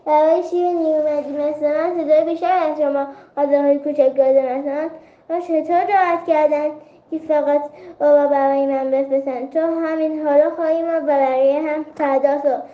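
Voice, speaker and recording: A woman's voice: high-pitched, fairly even intonation, natural voice. A woman voicing a furious, vain male lion who roars and threatens, in a children's storybook reading. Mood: menacing. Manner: roaring, threatening. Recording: roomy, slightly dull recording.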